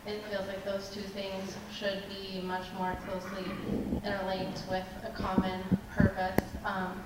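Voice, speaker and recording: A woman from Southern Maryland gives a halting, measured public comment, her voice staying level and unvaried. She is picked up from a distance in a large, echoing meeting room. Noise sits clearly underneath her. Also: medium pitch, completely flat delivery. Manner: measured, halting with many ums. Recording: echoey hall from a distance, background noise.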